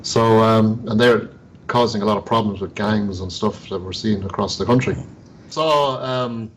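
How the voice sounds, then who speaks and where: A man's voice: on the low side, steady tone, normal speed, a little hiss or hum, low-quality recording. A man hosting an interview, chatting casually in a rambling way, full of fillers. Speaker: show host. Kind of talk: casual chat.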